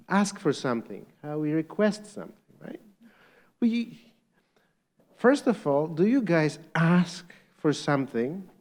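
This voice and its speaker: A man's voice: fairly high pitch, a little mellow. A middle-aged man with a Polish accent moderates a live panel, asking the audience questions and often chuckling as he speaks.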